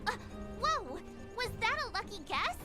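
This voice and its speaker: A woman's voice: very high voice, sing-song, moderate pace. A woman voicing a cheerful, outspoken young adventurer in a game. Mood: lively. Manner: bubbly and outspoken. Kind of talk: game voice acting. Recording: game audio with music.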